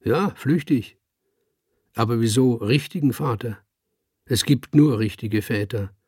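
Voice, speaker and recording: A man's voice: medium pitch, measured pace, a little mellow, husky, no room sound, studio quality. A man reading aloud, voicing a bitter, self-pitying middle-aged man who turns tearful and condescending. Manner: sobbing, domineering. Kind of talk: audiobook reading.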